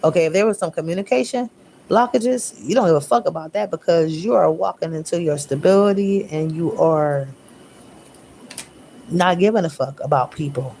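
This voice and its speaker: A woman's voice: fairly low pitch, normal speed, creaky, a little hiss or hum. A woman giving a casual tarot reading, talking bluntly with lots of profanity and slang. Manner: profane, blunt, animated slang-heavy talk; mimics listeners in raised voice. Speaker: tarot reader.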